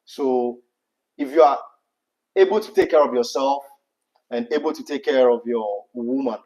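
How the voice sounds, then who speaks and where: A man with a Ghanaian accent hosting a casual advice chat, speaking in halting, repeated phrases. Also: medium pitch, darkish tone, poor audio. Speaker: host answering viewer questions.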